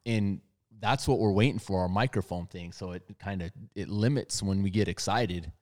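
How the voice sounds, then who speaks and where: A man's voice: low voice, moderate pace, a little mellow. A man in his thirties hosting a podcast, chatting casually in a laid-back, rambling way. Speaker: podcast host. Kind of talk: casual chat.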